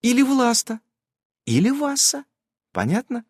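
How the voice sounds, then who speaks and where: A man doing a squeaky young magic girl companion. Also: huge pitch swings, measured pace, husky, dry recording, clean studio sound, full character voice. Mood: explaining. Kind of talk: audiobook character voice.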